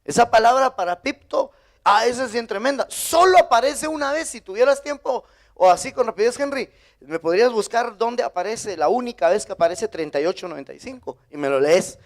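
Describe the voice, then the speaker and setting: A Guatemalan man preaching a sermon as pastor, lively, with sudden high emphatic bursts. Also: fairly quick. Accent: Guatemalan Spanish.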